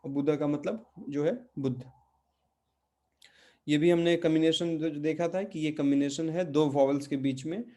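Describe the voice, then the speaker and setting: A middle-aged man teaches a pronunciation lesson with a patient, repetitive manner. His voice sits a little high yet sounds warm and mellow. He often pauses to check that the class is following. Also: fairly even intonation. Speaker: Portuguese teacher. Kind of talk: online language lesson in Hindi.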